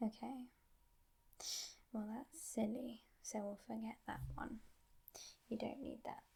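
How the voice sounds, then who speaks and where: A woman playing a teasing but gentle devil in a whispered ASMR role-play, in a breathy, hushed voice with musing pauses. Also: on the high side, fairly even intonation, full character voice. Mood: coaxing, soothing.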